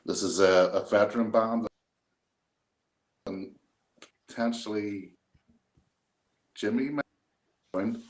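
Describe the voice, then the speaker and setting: Deep-voiced man on a choppy, cutting-out call. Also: steady tone, slow, pauses often, reverberant. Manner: hesitant, with frequent ums and restarts. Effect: choppy video-call audio with words cutting out. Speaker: panelist ranking albums. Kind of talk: casual online call chat. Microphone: video call.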